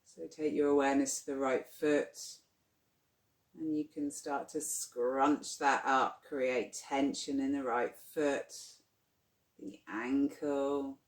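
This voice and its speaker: Very slow and flat, the voice of a yoga nidra guide eases listeners into deep relaxation with gentle, soothing directions, leaving plenty of space. The sound is roomy and echoing around the speaker.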